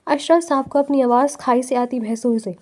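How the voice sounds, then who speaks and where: A woman narrating a romance novel with steady storytelling. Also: sits high.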